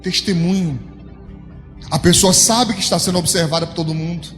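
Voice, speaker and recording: A man with a Brazilian Portuguese accent preaching a sermon as pastor, emphatic and swinging widely in pitch as he addresses the congregation directly. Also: moderate pace. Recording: long hall reverb with soft background music.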